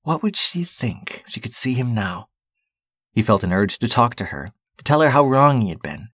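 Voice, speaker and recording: A man narrating a story in a steady, calm reading voice. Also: mid-range voice, moderate pace, slightly rough, dry recording, clean studio sound.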